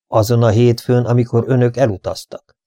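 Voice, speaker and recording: A man reading an audiobook, playing a dry, measured older detective who asks careful questions. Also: mid-range voice, little pitch movement, mellow, no room sound, natural voice.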